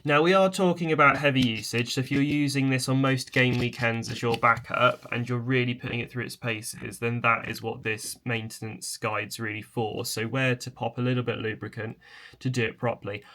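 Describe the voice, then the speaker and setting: A man presenting a casual hands-on tutorial in an informal, tentative, explanatory way, with a chair creaking. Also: mid-range voice, steady tone, brisk, bright, forceful tone. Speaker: video presenter.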